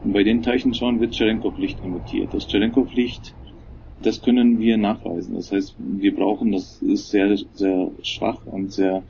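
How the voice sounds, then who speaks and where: Gravelly man over a low-quality stream. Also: fairly even intonation, normal speed, mellow. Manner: hesitant, many filler sounds, restarts. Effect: low-quality stream with degraded sound. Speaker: technical coordinator of a telescope project. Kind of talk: explanatory interview answers. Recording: dull, lo-fi, noisy remote recording.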